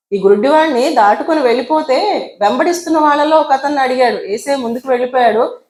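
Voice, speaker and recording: A woman evangelist preaching a sermon, asking her listeners many rhetorical questions and acting out the voices in her story. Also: sits high. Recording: roomy echo.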